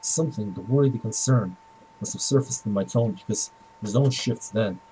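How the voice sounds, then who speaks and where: Guy reading a young man's inner monologue, soft and mellow, slow thoughtful storytelling. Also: lowish voice, breathy edge, poor audio. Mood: reflective. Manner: quiet, reflective, measured. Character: tired young man narrating his own thoughts. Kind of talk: first-person story narration.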